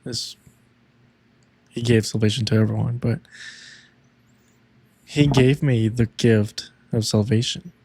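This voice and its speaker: A man co-hosting a faith podcast, talking in a halting, reflective way about his own struggles. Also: medium pitch, fairly even intonation, warm tone, a little hiss or hum. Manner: slow, reflective, halting, with frequent "yeah" backchannels. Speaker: podcast co-host. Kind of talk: casual faith talk.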